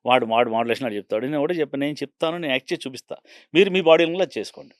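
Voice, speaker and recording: Speaking rapid-fire at medium pitch, this middle-aged man is an art director recounting film-set anecdotes on a Telugu movie channel. The studio audio is clean and echo-free, and he performs quoted dialogue as he goes, now and then dropping into Tamil impressions for an animated storytelling interview.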